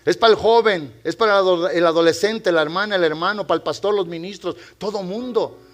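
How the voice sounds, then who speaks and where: A male pastor preaching a sermon in a church, swinging between loud exhortation and quiet storytelling. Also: high-pitched, fast talker.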